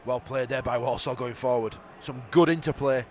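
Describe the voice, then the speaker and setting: A man's voice: medium pitch, steady tone, normal speed. A man with a Yorkshire accent hosting a football podcast outdoors, mixing blunt, teasing banter with casual live match commentary. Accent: Yorkshire English. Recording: outdoor football ground, traffic and ambient noise.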